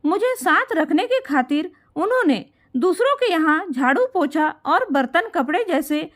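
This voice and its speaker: A dutiful grown son who reasons patiently and pleads earnestly, voiced by a woman storyteller. The voice stays very high and lively, close to the teller's own. It is a spoken storybook tale. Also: measured pace, full character voice. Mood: earnest pleading.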